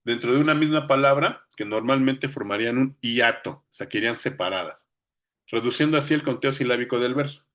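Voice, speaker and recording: A man's voice: medium pitch, brisk, fairly bright tone. A man with a Mexican accent giving an informal lecture, talking conversationally and often checking that listeners are following. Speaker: speaker on poetry.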